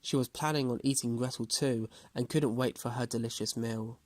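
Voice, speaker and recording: A man's voice: medium pitch, steady tone, moderate pace, a little mellow, dry recording. A man reading a children's storybook aloud as a storyteller.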